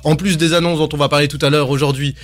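A man's voice: a little high, fast. A man hosting a casual radio show, chatting with his co-hosts and running through the rundown. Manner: chatty, animated, announcing the rundown. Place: radio studio.

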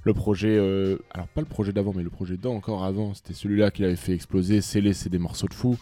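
A man with a low, mellow voice trades blunt opinions on rap in a casual panel chat. He talks directly and plainly, and faint music plays behind him. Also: level tone, fast talker. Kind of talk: casual studio debate.

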